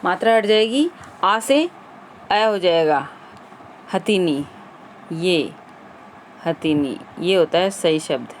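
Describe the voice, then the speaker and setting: A woman's voice: fairly low pitch, lively intonation, takes it slowly, pauses often, a little hiss or hum. A woman teacher running an exam-prep grammar lesson, quizzing viewers and repeating the answers.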